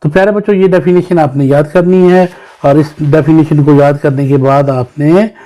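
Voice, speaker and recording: A man from Pakistan records an English lesson for children, patiently sounding out words one syllable at a time and mixing English terms into his Hindi-Urdu explanation. His voice is on the high side, mellow and steady in tone, at a normal speed.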